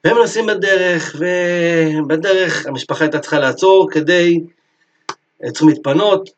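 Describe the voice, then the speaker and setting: A man teaching a Torah lesson, telling a story in a lively sermon style and acting out its characters. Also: fairly high pitch, slight background noise.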